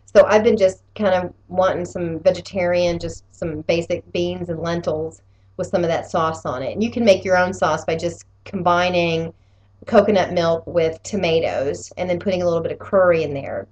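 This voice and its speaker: Casual rambling woman, clear background noise. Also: on the low side, fairly even intonation, normal speed, darkish tone. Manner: rambling, conversational, self-correcting. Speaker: vlogger giving weekly health challenge update. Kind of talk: casual chat, personal update.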